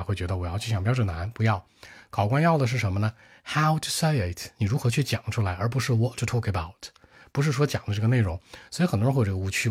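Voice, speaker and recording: A man teaching exam-speaking tips in a brisk, direct way, talking straight to his viewers. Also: on the low side, slightly rough. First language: Mandarin Chinese.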